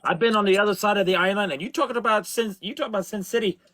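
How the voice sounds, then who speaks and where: A man bantering in pirate character on a group voice call, often halting to search for words. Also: high voice, sharp tone, no echo.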